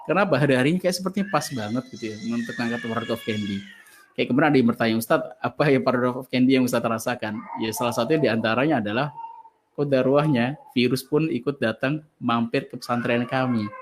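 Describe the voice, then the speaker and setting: Man giving a lively religious talk. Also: mid-range voice, background noise. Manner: animated storytelling, answers listeners' questions. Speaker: ustaz teaching an online study session. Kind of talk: religious lecture with Q&A.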